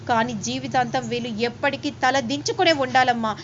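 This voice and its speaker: A steady, soothing husband, as a woman narrator puts him on, explaining patiently in a high, even voice. The recording is dull and lo-fi, with a faint ambient hum behind. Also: fast, natural voice. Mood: resigned. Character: calm adult man, a reassuring husband.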